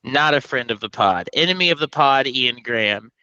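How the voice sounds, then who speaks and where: A man from Texas co-hosting a podcast, telling animated, profane, jokey stories in casual chat. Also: mid-range voice, normal speed, no echo, lo-fi sound. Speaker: podcast co-host.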